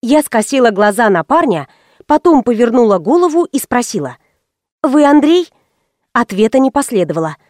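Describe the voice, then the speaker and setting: A woman narrating an audiobook in the first person, wry and expressive. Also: a little high, fairly quick, no echo, clean studio sound.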